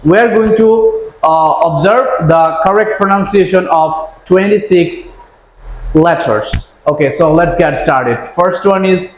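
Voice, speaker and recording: A man teaching English pronunciation, slowly repeating each letter name as he switches between Bengali and English. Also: sits high. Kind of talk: slow bilingual lesson, drilling letter names. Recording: echoey room with faint ambient noise.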